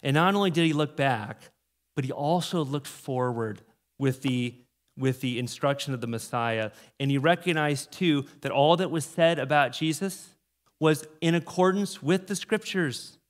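A middle-aged American man preaching a sermon from a church stage into a handheld mic, telling stories with animated emphasis on key words. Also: a little high, normal speed. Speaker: pastor.

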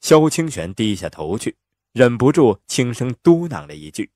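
A man narrating an audiobook in an expressive, lively storytelling manner on a close mic. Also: mid-range voice, moderate pace, no echo.

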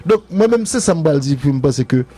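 A man's voice: fairly high pitch, animated, normal speed, dark tone, breathy edge. A man with a Haitian accent rambling through a casual radio-show debate about music, repeating his phrases and laughing often. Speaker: music commentator.

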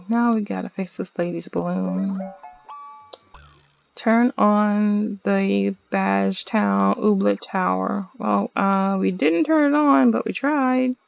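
A woman's voice: medium pitch, steady tone, slow, vocal fry, no room sound, muffled recording, soft background music. A young woman commentating her own video game play in a playful, dramatic way, with chants and squeals. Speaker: gaming video host.

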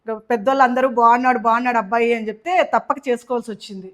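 A woman's voice: on the high side, very fast. A young woman in a comedy skit who speaks in a wry, mocking way. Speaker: comedy sketch actor playing the wife.

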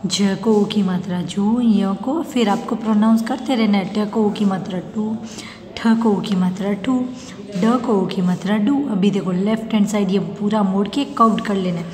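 A woman teacher giving a recorded lesson to young pupils, slowly repeating each word twice for them to echo. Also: mid-range voice, fairly even intonation, a little mellow. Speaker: school teacher. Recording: echoey room with long reverb, faint hum.

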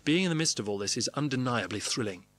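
A man's voice: mid-range voice, lively intonation, fast talker, a bit bright, dry recording. A man narrating his own diary entries in clipped, wry phrases. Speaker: narrator reading his diaries. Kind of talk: scripted memoir narration.

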